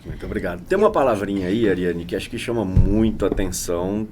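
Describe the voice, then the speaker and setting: A man with a Brazilian Portuguese accent co-hosts a casual podcast with a playful, joking manner. His voice is very low, with a faint hiss of noise behind it. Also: expressive, fast talker. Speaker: podcast co-host.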